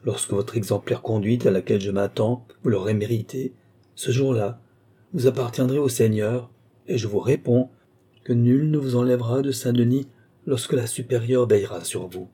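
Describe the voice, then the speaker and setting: A man reading an audiobook, voicing a calm, dignified royal princess. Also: mid-range voice, moderate pace, slightly rough, pitched above the performer's own voice, lightly acted. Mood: reassuring.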